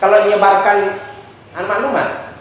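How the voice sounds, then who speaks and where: Speaking at a measured pace, a middle-aged man teaches preaching as an ustadz, joking and chatting through a casual lecture with asides and voicing examples at shifting pitches. The audio has its highs cut off and comes from a large, very echoey hall with faint noise.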